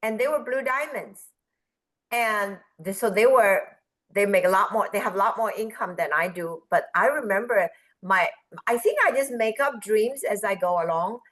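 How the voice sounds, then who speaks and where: On a video call, a woman guest speaker at a business forum tells a story with plenty of energy, laughing and raising her voice to quote people. Her voice is mid-range at normal speed, and the recording is rough.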